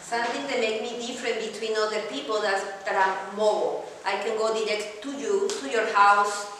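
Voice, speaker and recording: Bright woman echoing through a hall. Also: mid-range voice, fairly even intonation, moderate pace, slight background noise. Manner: simple, broken English phrasing. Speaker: interpreter and speaker at a pitch night. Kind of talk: public speaking in non-native English. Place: large event hall. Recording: echoey hall with long reverb, far from the mic.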